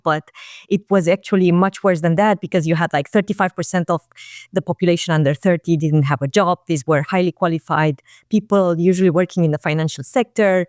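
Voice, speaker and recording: A woman in her forties with a lowish voice, recalling her career as a guest in a casual interview. She speaks reflectively, hesitating with fillers and restarts. The recording is dry and close. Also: darkish tone, no echo. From Romania. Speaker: guest, marketing executive.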